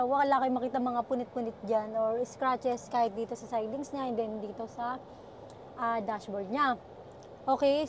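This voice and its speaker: A woman's voice: high-pitched, a little hiss or hum. A woman working as a used car salesperson, chatting casually through a car walkaround vlog at a dealership lot and calling her viewers "guys" again and again. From Philippines. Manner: chatty, full of fillers, keeps addressing viewers as guys.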